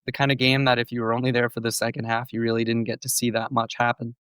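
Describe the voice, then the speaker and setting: A man co-hosting a casual sports podcast breaks down match plays with measured, thoughtful analysis while still getting over a cold, his voice on the mend. His mid-range voice is monotone, a bit bright and smooth, and the recording is dry.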